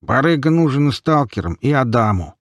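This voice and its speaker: A man's voice: mid-range voice, very animated, brisk, no room sound, studio quality, pitched above the performer's own voice, natural voice. A man doing a nasal hulking trader. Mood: boastful.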